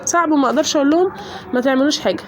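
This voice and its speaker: Egyptian mother, vlog voice-over, voice worn by a cold, lively gossipy chat, slightly high. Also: rapid-fire, slight background noise. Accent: Egyptian Arabic. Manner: chatty, swears oaths, laughs often. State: voice changed by a cold. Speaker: mother vlogger.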